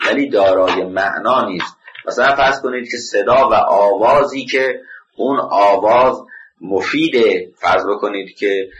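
A male teacher delivers a scholarly lecture in a low, forceful, bright voice. He talks deliberately, falls back on the same stock filler phrases, and keeps pausing to check that his listeners are following. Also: lo-fi sound, a little hiss or hum. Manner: often checks understanding with the class.

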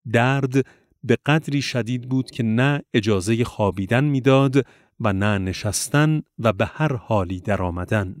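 A man reading religious memoir passages aloud in a measured, solemn way. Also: mid-range voice, a little mellow, no echo, studio quality. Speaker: reader.

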